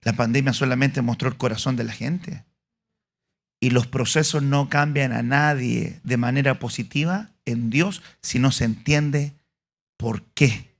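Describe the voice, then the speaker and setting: A man, a pastor with a Chilean accent, preaching an animated sermon in a church and acting out the scenes he describes. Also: medium pitch, unhurried, gravelly. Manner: animated, acts out scenes with voices. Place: church, live congregation.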